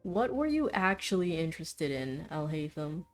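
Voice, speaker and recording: A woman's voice: low-pitched, big pitch swings, normal speed, music in the background. A woman streamer doing a casual playthrough, reading game dialogue and reacting to it.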